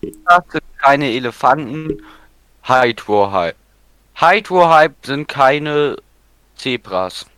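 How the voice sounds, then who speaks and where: A young man co-hosts a casual podcast at an unhurried pace. His voice is smooth and recorded very dry, and he talks in a teasing, slangy, blunt manner. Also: medium pitch, expressive, pushed and bright, no echo, rough recording. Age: young adult. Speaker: podcast co-host. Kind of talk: casual chat.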